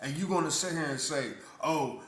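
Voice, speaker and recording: A man's voice: a little high, lively intonation, unhurried, sharp tone. Indignant man ranting in a roomy echo. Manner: repetitive, stammering restarts, blunt and indignant. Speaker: vlogger. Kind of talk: casual opinion rant.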